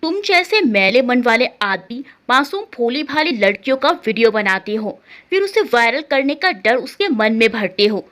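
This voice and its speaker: A fierce young woman shouts defiance in a spoken story, voiced by the woman narrator. Her voice sits fairly high and cuts hard. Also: sing-song, normal speed. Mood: defiant.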